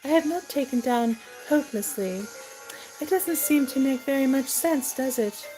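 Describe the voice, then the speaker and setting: A woman's voice: high-pitched, normal speed, dark tone, faint music behind, pitched above the performer's own voice, close to an everyday voice, poor audio. A woman playing a self-assured, whimsical young lady in a comic stage play, prim, chiding and matter-of-fact. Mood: puzzled.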